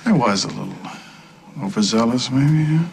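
A man's voice: mid-range voice, lively intonation, moderate pace, vocal fry, slight background noise. An actor playing a middle-aged father in a daytime soap, hesitant and placating as he tries to make amends. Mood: earnest.

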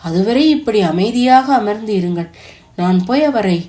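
A woman voicing a calm, polite female hospital staff member. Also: mid-range voice, normal speed, lightly acted.

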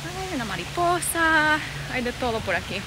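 A woman's voice: high-pitched, big pitch swings, moderate pace. A woman in her thirties from Bolivia, chatting casually on a live stream while walking through a garden and greeting viewers with a phone at arm's length. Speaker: vlogger hosting a live stream. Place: outdoor garden with birds. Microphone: phone held at arm's length. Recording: noisy outdoor phone recording. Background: birds and outdoor ambience.

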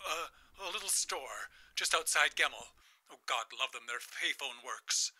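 A man's voice: medium pitch, lively intonation, a little slow, bright, forceful tone. An actor playing a frantic, secretive old grandfather who stammers and pleads urgently. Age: older. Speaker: grandfather on a payphone.

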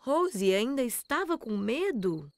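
Lively woman narrating a children's story. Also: a little high, slow pace, no room sound.

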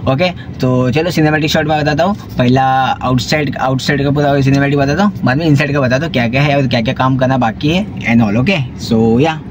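A young man vlogs casually to his phone camera, held at arm's length, while sitting in a parked small car during the day. His medium-pitched voice is brisk with hardly any pauses, rambling along with lots of fillers and repeats, and the phone audio is noisy.

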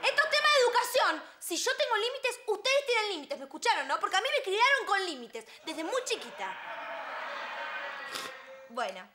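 A brassy young Argentine babysitter with a very high, piercing voice. She scolds the children and mocks them with a sharp Rioplatense edge. The sitcom track has a clear layer of noise under it. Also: sing-song, moderate pace. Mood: scolding. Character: brash, sharp-tongued young woman working as a babysitter. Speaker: sitcom character. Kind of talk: sitcom acting.

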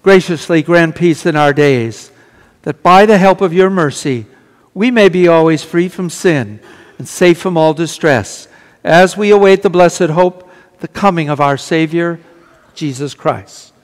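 A man leading the liturgical prayers of a Mass in a slow, measured intoning voice. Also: on the high side. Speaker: priest celebrating Mass. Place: large church with long reverb. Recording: reverberant church hall.

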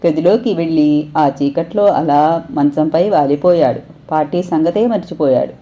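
A woman storyteller reading an audio story aloud in a steady, expressive way. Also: low-pitched, moderate pace.

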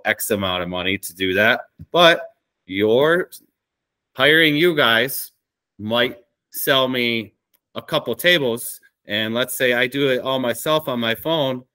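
Speaking over a video call microphone from inside his small woodworking shop, a man likely in his thirties appears as a podcast guest who runs a small woodworking business. His fairly low voice has a sharp tone, and he rambles a little while chatting casually and candidly. The recording has no echo.

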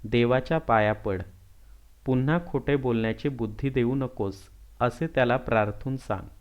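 A man's voice: mid-range voice, moderate pace, lightly acted. A man voicing a stern but loving village mother who scolds firmly and evenly.

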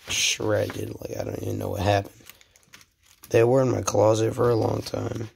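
Slightly under the weather, with his voice a bit off, a young man hosts a laid-back show-and-tell vlog from home for his channel. His talk wanders and turns self-deprecating, frequently sliding into a whisper. The voice is fairly low and creaky, with light background noise.

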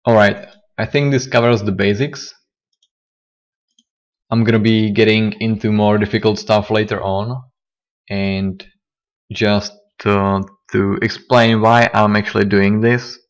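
A man with a slightly hoarse, lowish voice walks through a coding tutorial. He speaks slowly and haltingly, pausing often and restarting his sentences as he explains each step. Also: level tone, lo-fi sound. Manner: halting, many fillers and restarts. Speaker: programming tutor. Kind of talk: screen-recorded coding tutorial.

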